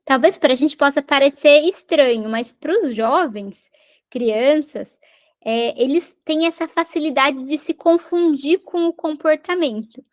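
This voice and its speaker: A woman's voice: high-pitched, measured pace. A woman giving a recorded lesson on parenting skills, explaining patiently and checking in with tag questions. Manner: explanatory, repeats and rephrases points, tag questions. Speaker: parenting educator.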